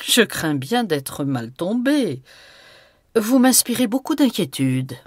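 Woman voicing a mocking young widow, playful and provoking, pitched up, slow drawl, dry close sound. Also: sing-song, dry recording. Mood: mock worry. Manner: playful, provoking, breaks into giggles. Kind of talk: audiobook reading.

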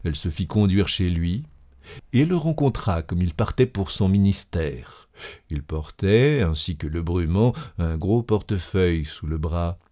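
A man narrating a story in a slow, expressive reading voice. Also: low-pitched.

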